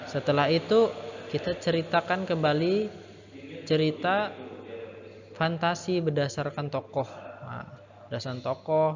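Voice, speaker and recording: A man teaching a lesson, explaining step by step with patient repetition and a habit of ending phrases with a soft "ya". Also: on the high side, unhurried, pauses often. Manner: explains patiently, repeats key points, ends phrases with "ya". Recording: muffled, roomy with long reverb and crowd behind.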